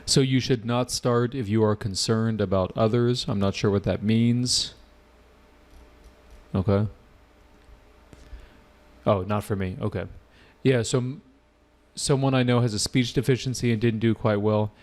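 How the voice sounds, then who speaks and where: A man's voice: on the low side, steady tone, measured pace, long pauses, darkish tone. A man teaching an IELTS class live online, casual and often checking with his students. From United States. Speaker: IELTS tutor.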